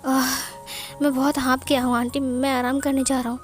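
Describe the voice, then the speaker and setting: A woman's voice: high voice, little pitch movement, normal speed, faint music behind, natural voice. A woman voicing an indignant young man who stammers as he cuts off a friend. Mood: flustered. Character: young man, heartbroken, angrily cutting off a friend.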